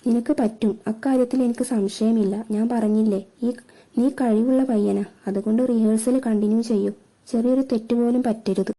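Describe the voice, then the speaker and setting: A woman's voice: fairly high pitch, steady tone, normal speed. A woman voicing a hurt, bitter young woman with a curt, scornful manner. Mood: encouraging. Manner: curt, scornful, flares into shouting.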